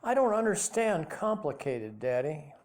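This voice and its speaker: A man's voice: on the high side, sing-song, a little slow, a little mellow. An older man reading a memoir voices a small boy asking earnest, puzzled questions. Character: small boy, eager and hurt.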